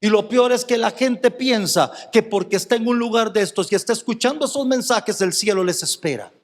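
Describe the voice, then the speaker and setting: A man's voice: high voice, a little fast, big-room sound. A male pastor preaching a fervent sermon, firing rhetorical questions at the congregation.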